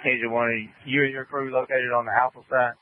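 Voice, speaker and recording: A man's voice: medium pitch, flat delivery, brisk, narrow, tinny audio. A man giving terse radio updates and orders as a fire incident commander over a two-way radio. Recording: band-limited fire radio traffic.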